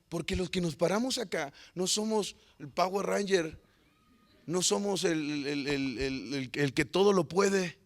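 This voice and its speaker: Lively storytelling man preacher. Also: sits high. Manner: animated storytelling with humor, swings between loud and hushed. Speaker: pastor. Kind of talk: sermon.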